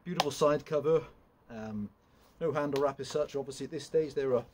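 A man's voice: medium pitch, fairly quick, background noise. A young man in a casual, rambling walkthrough, full of fillers and restarts, recorded in an open woodshed by a camera some way off. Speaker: chainsaw vlogger. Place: open woodshed with log piles.

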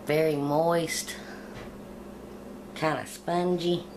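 A middle-aged woman walks through a baking recipe in a homey, plain-spoken way, her voice sitting a little low. She talks casually in a home kitchen, picked up by the camera mic with a faint room hum behind her. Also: steady tone, drawn-out words. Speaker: home cooking channel host. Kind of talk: casual cooking demonstration voice-over.

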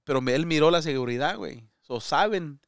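A man talks loosely on a casual comedy podcast, rambling and switching between Spanish and English, breaking into loud laughter. His voice sits a little high. The sound is dry and close, with no room around it. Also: lively intonation, a little fast, dry recording. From United States. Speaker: comedian co-host.

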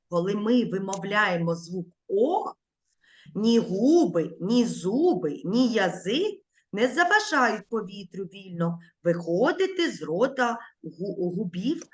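A woman teaching young children in an online lesson over a video call, speaking slowly and clearly and encouraging them. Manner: slow, clear, encouraging teacher talk with lively pitch. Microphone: computer mic on a video call.

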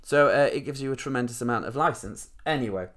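A man's voice: medium pitch, fast talker, fairly bright tone. A man in his thirties with a northern English accent, hosting an informal live stream and chatting in a rambling, self-deprecating way. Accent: Northern English, Rotherham. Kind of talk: casual live-stream chat.

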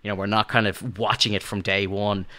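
Man co-host, lowish bright voice, rambling casual talk. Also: level tone, fairly quick. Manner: rambling, many fillers and restarts. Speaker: podcast co-host. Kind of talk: casual review chat.

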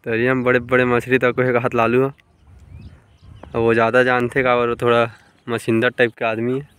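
A man's voice: mid-range voice, monotone, moderate pace, a bit bright, clear, resonant tone. A young man with a Chhattisgarhi accent, narrating a casual village vlog outdoors by a pond and chatting to viewers as friends. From India. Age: young adult. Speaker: village vlogger.

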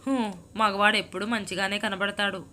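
A woman's voice: mid-range voice, steady tone, normal speed, bright, forceful tone, a little hiss or hum, natural voice. A woman voicing a young married woman who is melodramatic, self-pitying and hooked on TV serials, in a storybook reading. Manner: sighing scoffs, self-pitying, complaining.

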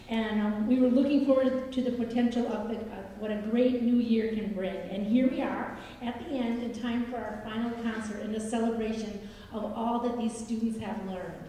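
A woman's voice: fairly high pitch, dark tone, a little hiss or hum. A woman emceeing a school concert, upbeat and chatty, asking the audience questions live. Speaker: master of ceremonies at a school concert. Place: large concert hall. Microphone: hall microphone heard from a distance. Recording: echoey concert hall from far off.

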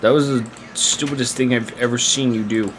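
A man's voice: mid-range voice, steady tone, normal speed, noisy background. A young man streaming a game, chatting casually in a rambling, laid-back way and laughing easily. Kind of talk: casual gaming stream chat.

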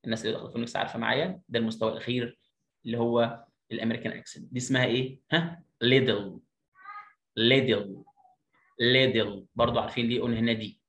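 A man's voice: medium pitch, little pitch movement, a bit bright, roomy sound. Egyptian man drilling phonics words. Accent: Egyptian Arabic. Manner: counts aloud slowly, then drills each word by repeating it. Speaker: phonics teacher. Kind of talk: online phonics lesson.

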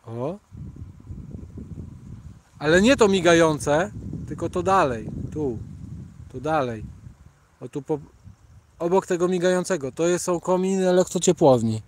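A man's voice: on the high side, lively intonation, a little slow, long pauses, a little hiss or hum. A man with a Polish accent hosting a casual livestream on a night walk along a city sidewalk, rambling and reading out viewers' chat names as he greets them. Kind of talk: casual live chat while walking.

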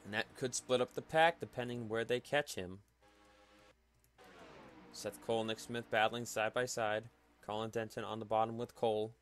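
A man giving calm, analytical play-by-play commentary for a simulated stock car race, with faint noise behind him. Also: fairly low pitch, normal speed, faint music behind. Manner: calm, analytical play-by-play that rises sharply at wrecks. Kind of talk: solo sim racing commentary.

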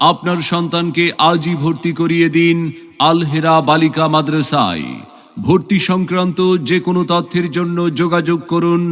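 A man with a Bangladeshi accent reads a scripted promotional announcement in a formal, measured, proclaiming way, drawing out repeated phrases. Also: fairly high pitch, fairly bright tone. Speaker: announcer for a school admission advert. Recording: long reverb, music behind the voice. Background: background music.

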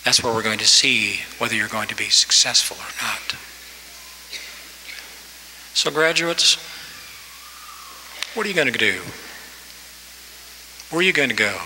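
Speaking into a podium microphone in a large, reverberant hall, a commencement speaker in his sixties exhorts earnestly, straining his voice upward for emphasis. The mid-range voice comes across pushed and bright, with faint ambience and slight hiss or hum.

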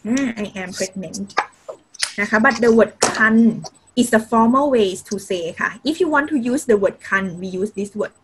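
In an online video-call lesson, a woman teaches Thai, blending simple English with Thai and frequently adding polite particles. She speaks very slowly at a medium pitch, and the low-quality recording has a little hiss or hum.

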